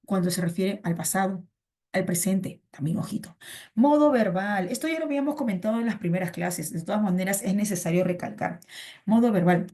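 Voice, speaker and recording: A woman leads an online pre-university reading class in a mellow, mid-range voice at a fairly quick pace. Chatty by nature, she repeats phrases as she goes over her points and addresses the students as "chiqui."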